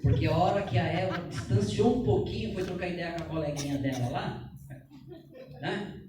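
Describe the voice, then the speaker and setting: A man's voice: on the high side, moderate pace, background noise. A man giving a joking, chatty church talk to couples, often tagging lines with "né?". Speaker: speaker at a couples' meeting. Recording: echoey hall, voice from far off.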